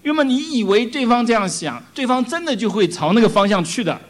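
A man preaching a sermon in short measured phrases, pausing for an interpreter. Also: extremely high pitch, big pitch swings. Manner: measured, teaching, pauses for interpretation.

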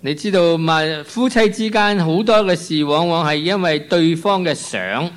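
A man with a slightly raised pitch interpreting a sermon line by line. He follows the preacher closely and sometimes restarts a phrase. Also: normal speed. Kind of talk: consecutive sermon interpretation into Cantonese.

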